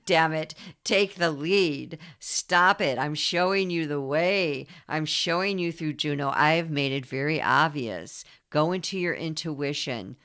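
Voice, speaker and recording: A woman voicing a commanding dark goddess who scolds loudly and insistently. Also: low-pitched, unhurried, hardly any pauses. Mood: stern, urgent.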